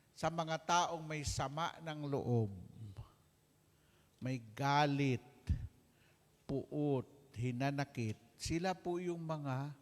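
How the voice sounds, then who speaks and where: A man preaching a healing sermon to a congregation, animated, swinging from loud exclamations to soft asides and often calling out to the crowd. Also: fairly high pitch, long reverb tail.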